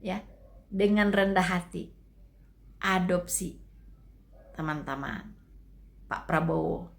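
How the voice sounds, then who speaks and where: A woman's voice: fairly low pitch, takes it slowly, vocal fry. A woman giving casual commentary to her viewers, chatty and full of trailing fillers. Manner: chatty, addresses listeners as friends, trailing fillers.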